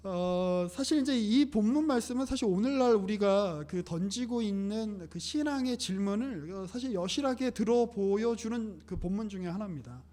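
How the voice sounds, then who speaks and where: High-voiced man preaching casually. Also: lively intonation, normal speed, hardly any pauses, warm tone. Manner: chatty, joking, laughs often. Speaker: pastor. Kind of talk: casual live-streamed sermon.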